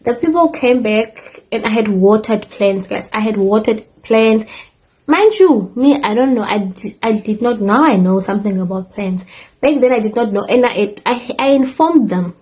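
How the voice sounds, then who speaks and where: A chatty young woman rambles through a casual storytime, her medium-pitched, slightly mellow voice moving at a moderate pace. She restarts often and makes asides to viewers, and the audio quality is poor.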